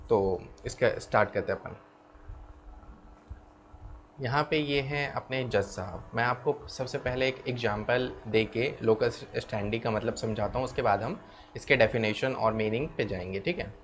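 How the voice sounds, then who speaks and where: A man teaching law, explaining step by step and often checking in with "okay". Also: medium pitch. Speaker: law lecturer. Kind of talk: explanatory lecture. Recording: slightly dull lo-fi sound with faint background noise.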